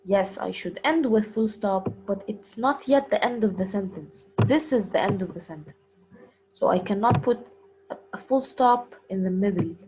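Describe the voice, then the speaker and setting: A woman teaching punctuation in a recorded lesson, explaining each step slowly and carefully. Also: mid-range voice, background noise. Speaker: English teacher.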